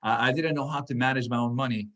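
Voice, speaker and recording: Speaking fast in a steady, slightly bright mid-range voice, a man originally from Iran who grew up in Sweden offers a casual motivational talk to a business audience. He wanders, restarting often and filling gaps with fillers.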